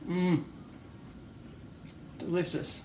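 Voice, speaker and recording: A woman's voice: drawn-out words, dark tone. An older woman co-hosting a homemade cooking video, chatting casually and gushing over the food as she tastes it. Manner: gushing, savoring the food aloud. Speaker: co-host of a home cooking video. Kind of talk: casual cooking demo chat. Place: room in a retirement community home. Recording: echoey room, voice from far off, faint hiss.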